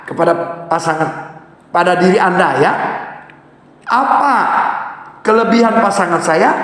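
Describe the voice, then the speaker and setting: A man, a pastor, teaching a premarital counseling session, acting out accusing quotes loudly. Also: sits high. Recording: echoey hall with long reverb.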